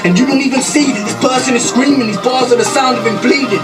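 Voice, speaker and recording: A man's voice: very high-pitched, fairly even intonation, fast talker. A man with a British accent rapping an intense verse full of wordplay. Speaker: rapper. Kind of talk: rap verse over a beat. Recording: loud beat under the vocal. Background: loud backing music.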